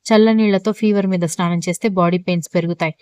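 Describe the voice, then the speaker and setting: A woman's voice: lowish voice, fairly even intonation, racing, a little mellow, clean tone, dry recording, clean studio sound, lightly acted. A woman doing a bossy, caring mother-in-law. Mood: scolding. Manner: firm, scolding and insistent.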